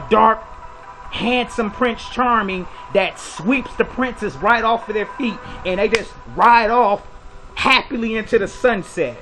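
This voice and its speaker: In a rough recording, a commentary video host gives an opinionated monologue in a high, bright voice. He lectures bluntly and preachily, leaning on rhetorical questions.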